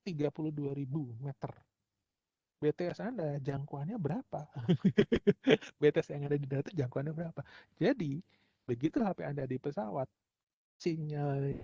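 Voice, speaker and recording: A man's voice: fairly high pitch, vocal fry, breathy edge, no room sound, highs cut off. A male university lecturer from Indonesia, giving a casual, joking lecture and acting out examples. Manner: chatty, joking, acts out phone and tower shouting.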